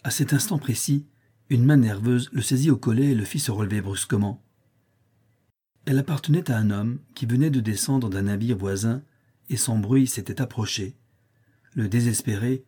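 A male audiobook narrator reads a short story in a measured, expressive way. His tone is dark and mellow, with a husky edge to the voice. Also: medium pitch. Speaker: audiobook reader.

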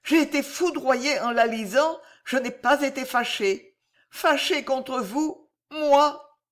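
A woman's voice: sits high, slow pace, voice pushed up. A woman reading an audiobook, voicing a passionate young noblewoman in a heightened, tremulous way. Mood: pleading passion.

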